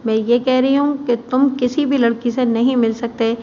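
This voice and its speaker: A woman's voice: fairly high pitch, steady tone, normal speed, warm tone, lightly acted. A woman voicing a strict, controlling older mother who speaks in a cold, commanding tone, read as a storybook figure. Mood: stern. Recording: muffled with faint background hiss.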